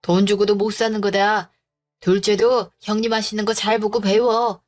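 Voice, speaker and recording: Casting: gruff, scolding old father-in-law, read by a woman, faint music behind. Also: mid-range voice, flat delivery, normal speed, lightly acted. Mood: pleased. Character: stern grumpy older father-in-law.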